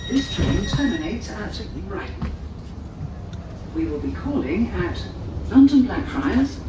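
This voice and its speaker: A woman's voice: big pitch swings, slow pace. Spliced-together automated woman's train announcement. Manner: clipped, evenly paced announcements with jumpy pitch between spliced words. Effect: spliced-together recorded words over a public address speaker. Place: inside a moving passenger train. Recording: echoey train loudspeaker heard from far off, loud train noise.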